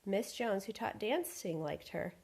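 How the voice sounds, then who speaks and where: Expressive woman storyteller, husky voice. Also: mid-range voice, measured pace. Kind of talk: reading a picture book aloud.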